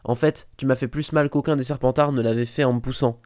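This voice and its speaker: A man's voice: mid-range voice, fairly even intonation, quick pace, a little mellow, dry recording, studio quality, pitched above the performer's own voice, close to an everyday voice. A man voicing a shy, hurt eleven-year-old schoolboy who speaks in a small, trembling voice. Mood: calm reproach.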